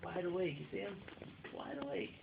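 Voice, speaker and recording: A man's voice: high voice, steady tone, brisk, vocal fry, roomy sound, narrow, tinny audio, background noise. A man talking playfully to his newborn son while filming at home, heard on an old VHS home-video tape. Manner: playful, coos at the baby.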